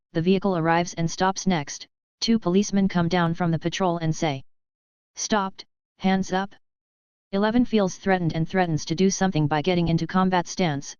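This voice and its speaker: A woman narrating an adult fiction audiobook with an even, steady reading. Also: on the low side, clean tone, no room sound, highs cut off.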